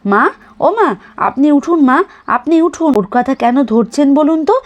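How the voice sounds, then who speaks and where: Woman playing a bossy eldest wife, fussy and very high, doll cartoon. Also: expressive, a little slow. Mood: urging. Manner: fussing, urging.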